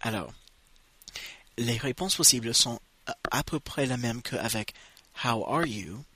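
Slow, bright-toned male language teacher. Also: medium pitch, slight background noise. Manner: slow, drawn-out model phrases for repetition. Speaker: English teacher. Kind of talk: bilingual language lesson.

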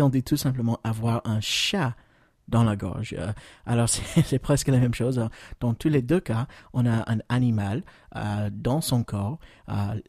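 An American man hosts a podcast lesson in a dark, mellow voice. He talks patiently, pausing often on fillers and slowing down for model phrases. The recording is close and dry, with no room sound. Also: mid-range voice, dry recording. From United States. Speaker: English teacher, podcast host.

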